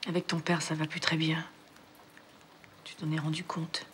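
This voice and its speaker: An actress playing a shaken young wife and mother who speaks in halting, breathy phrases. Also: low voice, little pitch movement, slight background noise, natural voice. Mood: gentle. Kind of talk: period TV drama acting.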